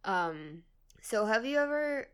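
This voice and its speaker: A woman's voice: on the high side, very animated, takes it slowly, clear, resonant tone. A woman in her twenties co-hosting a podcast, chatting casually, rambling through stories with giggles and plenty of swearing. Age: 20s. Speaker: podcast co-host. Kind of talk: casual chat.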